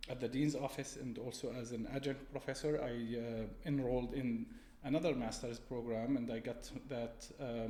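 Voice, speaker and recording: A man, speaking as a guest on an interview podcast in a polite, steady and methodical way. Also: mid-range voice. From Syria. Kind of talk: conversational interview. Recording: roomy echo.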